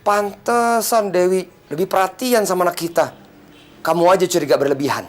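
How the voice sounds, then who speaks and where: A man's voice: high-pitched, brisk, lightly acted. An actor playing a stern husband who lectures and rebukes his wife.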